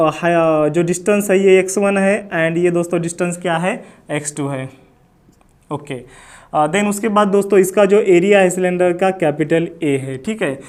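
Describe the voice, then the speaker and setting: High-voiced Indian man teaching physics. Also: darkish tone. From Maharashtra, India. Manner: addresses students as friends, mixes English into Hindi, asks and answers himself. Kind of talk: whiteboard physics lesson.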